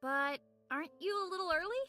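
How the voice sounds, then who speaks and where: A woman's voice: very high-pitched, a little fast, pushed and bright, soft background music, voice pushed up. A woman voicing a bubbly young female internet idol who talks in a perky, singsong, playful way.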